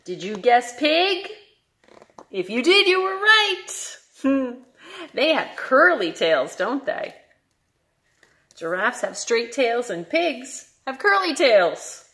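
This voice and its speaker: Animated high-voiced woman reading to kids. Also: slow. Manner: animated, questioning, sing-song. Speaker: children's librarian. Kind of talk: read-aloud story time for children.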